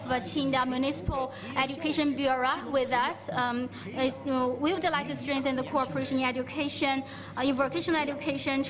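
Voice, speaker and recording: A woman interpreting live for an official in an echoey hall, a crowd murmuring behind her. Her voice sits high, and she hesitates often, padding each pause with fillers as she turns the speech into English on the fly. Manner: halting, many fillers while interpreting.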